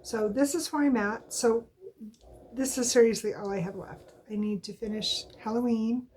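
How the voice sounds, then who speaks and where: Indoors at home, a woman who vlogs about cross-stitch gives her weekly crafting update, her nose stuffed up from allergies as she rambles and keeps correcting herself. She speaks at a normal speed in a fairly high, slightly mellow voice with fairly even intonation. A little hiss or hum sits under the audio.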